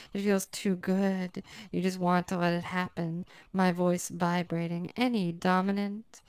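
A woman speaking as a hypnotist in a slow recording, using commanding, repetitive phrasing. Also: on the low side, darkish tone, clean tone, no echo.

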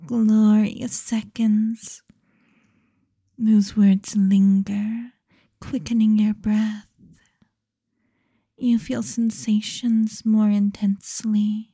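Close to the microphone, a woman hypnotist speaks slowly in a hushed, commanding manner, often sinking into a whisper. Her voice is mid-range and slightly rough, and the recording has no echo.

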